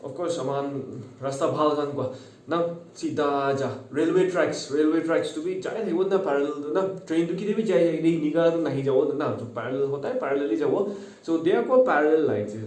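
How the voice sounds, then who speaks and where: Mellow Naga-accented man teaching in an echoey room. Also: a little high. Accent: Naga, Northeast Indian. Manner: conversational, repeats key words, frequent checking tag questions. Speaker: online mathematics teacher. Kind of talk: informal video lesson mixing English and local speech. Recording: echoey room, distant microphone.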